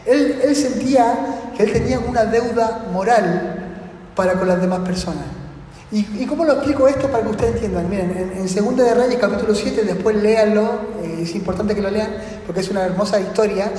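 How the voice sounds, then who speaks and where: A man's voice: sits high, fairly quick, warm tone, a little hiss or hum. A man with a Rioplatense accent preaching to a youth meeting at church, chatting with the audience and asking them rhetorical questions. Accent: Rioplatense Spanish. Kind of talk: sermon. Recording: echoey hall, faint ambience.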